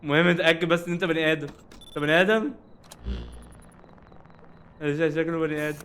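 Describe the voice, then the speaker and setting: A young man speaks with an Egyptian Arabic accent in casual let's-play commentary. His delivery is rapid and his tone bright and sharp, pitched a little high. He jokes and talks straight at the game's characters. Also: slight background noise. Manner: animated, jokey, talks to game characters. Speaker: gaming streamer.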